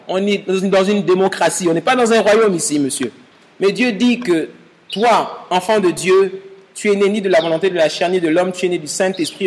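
Pastor from Gabon, high voice, preaching in a long-reverb hall, direct and emphatic. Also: male voice. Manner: preaching with rising emphasis, addresses listeners directly. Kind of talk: sermon.

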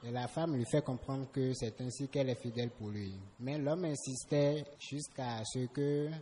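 A man in a church seminar audience haltingly telling a case and asking a question. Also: mid-range voice, dark tone, a little hiss or hum. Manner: hesitant, many fillers and restarts.

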